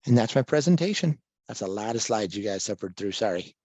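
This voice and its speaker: Speaking briskly in a lowish voice with a breathy edge, this Kansas man presents a relaxed photography slideshow to a live audience in a library meeting room. He's self-deprecating and thinks aloud, restarting now and then. Plosives pop on his handheld or stand mic, and there's no room sound.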